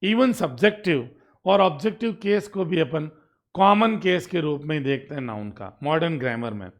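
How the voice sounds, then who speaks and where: A male teacher walking through an exam paper in a lecture. He reads the English sentences out slowly and keeps checking whether the students follow. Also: on the high side, lively intonation. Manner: explains step by step in Hindi, reading English sentences out slowly; asks "ठीक है?" to check understanding.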